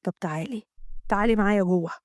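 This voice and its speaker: A woman voicing a scheming young man who pressures his lover, speaking low and coaxingly. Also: rapid-fire, dry recording, studio quality, natural voice.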